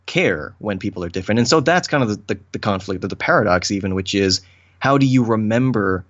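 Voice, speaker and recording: Low-voiced man musing hesitantly. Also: expressive, quick pace, a bit bright, no echo, muffled recording. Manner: thoughtful, hesitant, with fillers and restarts. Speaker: podcast co-host. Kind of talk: casual podcast chat.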